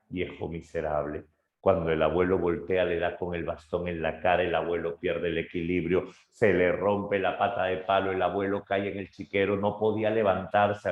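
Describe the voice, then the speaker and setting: A lower-pitched man teaching literature, telling a story with animated retellings and voiced quotes. The sound is muffled and lo-fi, with the roomy echo of a small class space. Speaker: literature tutor.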